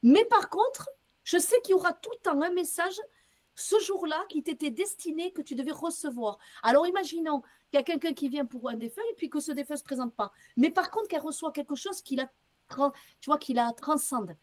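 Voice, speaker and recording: A woman medium, interviewed as a guest, telling stories in a casual, lively way, acting out bits of dialogue and using casual slang. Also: sits high, a little fast. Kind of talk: casual storytelling.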